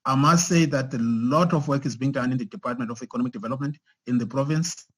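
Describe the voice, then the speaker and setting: A man's voice: mid-range voice, fairly bright tone, breathy edge. Man on a glitchy breaking-up call. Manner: halting, repeats words when restarting. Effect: choppy, breaking-up online call audio. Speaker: official speaking at a consultation. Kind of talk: formal meeting talk over a video call. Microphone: remote call connection.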